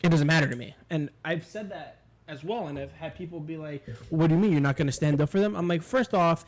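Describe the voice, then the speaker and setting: Quick-paced and fairly high in pitch, this man co-hosts a podcast and chats casually. A native English speaker from New York, he rambles and gives opinions, swearing and restarting as he talks.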